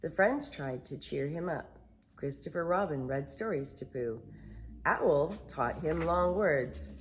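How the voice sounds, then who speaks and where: Slow, animated grandmotherly woman storyteller. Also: low voice, a little hiss or hum. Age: older. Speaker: storybook reader. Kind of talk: children's story narration.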